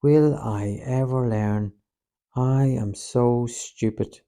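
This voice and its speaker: Man voicing Peter, a loud, hot-tempered disciple. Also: mid-range voice, slow. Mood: remorseful. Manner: forceful, angry, then remorseful. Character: Peter, fiery protective male disciple, quick to anger. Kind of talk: audiobook reading.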